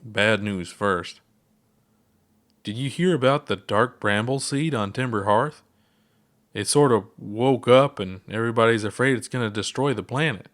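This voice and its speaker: Reading aloud in a fairly low, fairly bright, unhurried voice, a man plays an earnest, worried young alien astronaut. The character presses with eager questions in a raised voice, and the mood is urgent.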